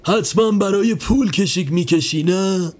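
A man voicing a kindly older man who keeps a basket of rabbits, asking slow, teasing, coaxing questions. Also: high-pitched, darkish tone, voice pushed up.

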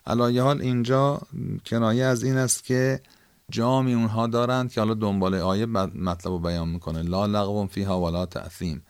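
A man's voice: mid-range voice, steady tone, clear, resonant tone, no echo. A man with an Iranian Persian accent giving a conversational, explanatory Quran lesson, rephrasing key points as he teaches. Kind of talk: explanatory lesson on word meanings.

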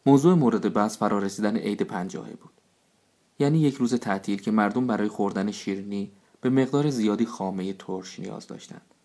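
A man narrates a storybook in a somewhat low voice, keeping an even, measured pace as the tale unfolds. His reading is scripted and calm, with no theatrical flourish.

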